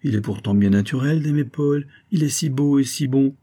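A man's voice: medium pitch, moderate pace, dark tone, voice pushed up, lightly acted. A man voicing a loving, earnest young woman in a raised, tender voice.

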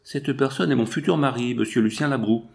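A man voicing a gentle young wounded seamstress in a soft, faint way. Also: mid-range voice, a little fast, gravelly, close to an everyday voice. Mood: weak.

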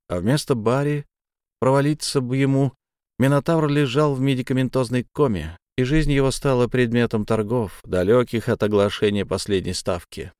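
A man narrating a first-person novel as an audiobook, in a measured, dramatic reading. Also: medium pitch, a little mellow, clear, resonant tone, no room sound, studio quality.

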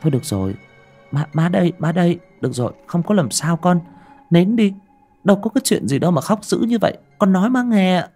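A man voicing an anxious young mother who soothes her frightened children in a softly coaxing way. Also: high voice, animated, a little fast, faint music behind, voice pushed up. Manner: soft, coaxing, fussing.

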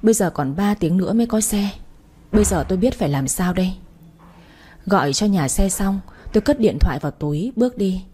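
A woman reading a first-person story aloud in a plain, steady way. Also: mid-range voice, brisk, breathy edge.

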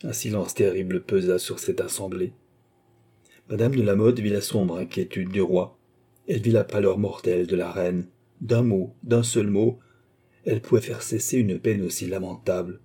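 A man narrating a classic novel as an audiobook, in a measured, dramatic storytelling manner. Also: low-pitched, steady tone, mellow, slightly rough.

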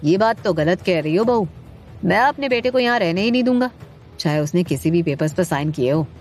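A woman voicing a stern middle-aged father who speaks in a low, weighty, accusing way. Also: lively intonation, fairly quick, a little mellow, soft background music, natural voice. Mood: firm.

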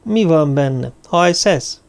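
A man's voice: fairly high pitch, expressive, smooth, voice pushed up. A man reading aloud and voicing a frightened, tearful young woman who stammers timidly. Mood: weary.

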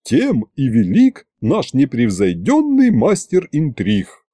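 A man voicing an eager, flattering male butler at a royal court in an audiobook. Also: medium pitch, takes it slowly, slightly rough, no echo, studio quality, full character voice. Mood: fawning. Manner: fawning, flattering.

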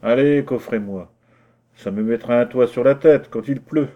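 A man's voice: medium pitch, normal speed, lo-fi sound, natural voice. A man voicing a poor, stubborn young carpenter in a storybook reading, answering bluntly and resolutely. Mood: defiant.

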